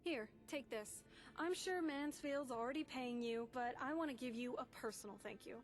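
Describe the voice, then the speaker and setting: High-voiced woman acting a chatty vault resident. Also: normal speed, soft background music, close to an everyday voice. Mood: grateful. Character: friendly, chatty female underground vault resident. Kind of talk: video game dialogue.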